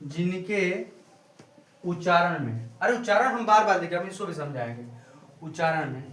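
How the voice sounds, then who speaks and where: A man with a high voice teaches a grammar lesson in a classroom. He repeats key words slowly, dragging them out as if dictating to students. The room rings with a clear echo. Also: big pitch swings, fairly bright tone. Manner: repetitive, drawn-out word-by-word dictation. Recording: echoey room.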